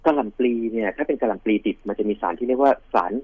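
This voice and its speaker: Doctor guy on the phone, quick talker, husky voice, dull lo-fi line. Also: medium pitch, dry recording. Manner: reassuring, explanatory, joking. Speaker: doctor guest. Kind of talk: radio health call-in answers.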